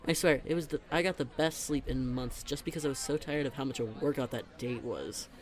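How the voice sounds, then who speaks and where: Here a young man at a medium pitch, lightly acted and fairly quick, plays the teasing best friend in an audio roleplay. He vents in exasperation through a casual, emphatic, chatty scripted monologue.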